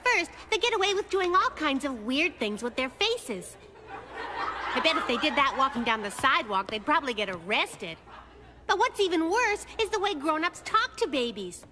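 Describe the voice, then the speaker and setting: A woman voicing a spirited, quick-witted little girl in a children's cartoon, telling things in a playful way. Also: sits high. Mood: playful storytelling. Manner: animated, playful storytelling.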